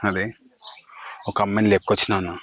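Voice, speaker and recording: A man's voice: lowish voice, little pitch movement, fast talker, fairly bright tone, slight background noise, lightly acted. An actor playing a hesitant young man who eloped, pleading for help in a Telangana Telugu accent.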